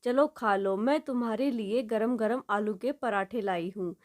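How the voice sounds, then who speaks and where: Gentle coaxing mother, as a woman storyteller voices her. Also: a little high, unhurried, close to an everyday voice. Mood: tender. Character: caring middle-aged mother, gentle and coaxing.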